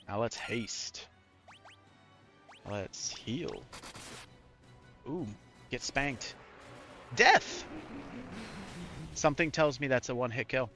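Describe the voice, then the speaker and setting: A man's voice: mid-range voice, a little slow, pauses often, fairly bright tone, soft background music. A man giving casual, rambling, self-deprecating live commentary as he plays a video game. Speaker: game streamer.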